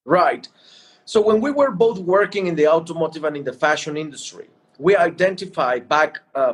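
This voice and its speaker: A man explaining things in an interview as a guest entrepreneur, halting and repeating words as he goes. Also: a little high. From Mexico.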